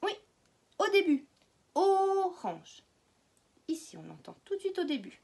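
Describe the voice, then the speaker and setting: A woman's voice: extremely high pitch, very animated, a little fast, vocal fry, a little mellow. A woman with a French accent, teaching a phonics lesson to small children and stretching words out syllable by syllable.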